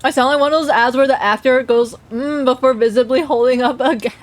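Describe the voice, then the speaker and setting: A woman's voice: high voice, quick pace. A woman livestreamer chatting casually, reacting to chat messages and talking while she eats.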